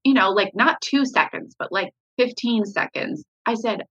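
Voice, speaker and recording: A woman's voice: fairly high pitch, expressive, normal speed, fairly bright tone, husky, lo-fi sound. A woman, a mother, talking candidly in an interview about her parenting, with many fillers and restarts. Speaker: parent guest sharing her story.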